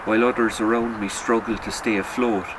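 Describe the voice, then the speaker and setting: Outdoor-like ambience clearly runs beneath this recording of a man reading his own short story in the manner of an author's reading. His voice sits fairly low, his pitch barely shifts, and his delivery of the literary fiction is sombre and measured.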